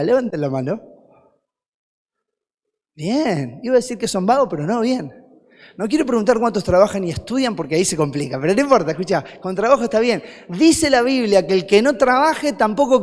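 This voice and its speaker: A man with a Rioplatense Spanish accent preaching a sermon as a guest preacher, firing rhetorical questions at the congregation and answering them himself. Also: high-pitched. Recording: long hall reverb.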